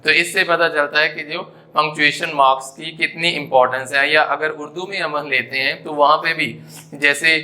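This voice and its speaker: Guy teaching a grammar class, really bright voice, pitch a bit high, keeps repeating stuff. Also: steady tone, normal speed, a little hiss or hum. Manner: explanatory, mixes English terms into Urdu; repeats points with frequent "जी" and "तो".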